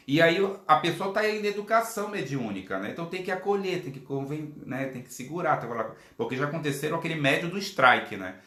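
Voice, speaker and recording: A man giving a live-streamed lecture as a spiritual teacher. He speaks in an animated, colloquial way and acts out quotes. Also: medium pitch, roomy sound.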